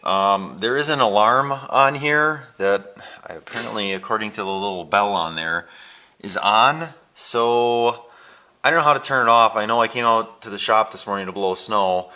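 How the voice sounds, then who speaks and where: In a noisy amateur home video full of handling clicks, an American man shows off his gadgets indoors at home and in a workshop. His fairly low voice is pushed and bright at a normal speed, and he thinks aloud in a hesitant, casual, unscripted way.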